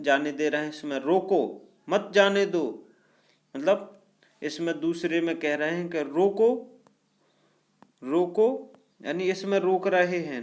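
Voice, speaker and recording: A man teaching a grammar lesson, reading from a text and explaining slowly, repeating phrases and checking that students follow. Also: fairly high pitch.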